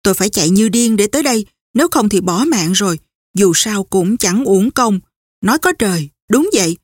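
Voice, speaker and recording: Lady reading a rough young guy on the run, cursing, talking fast, dry close sound. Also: medium pitch, lively intonation, no room sound, lightly acted. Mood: hurried. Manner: rough, swearing, hurried. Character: brash young Southern man on the run.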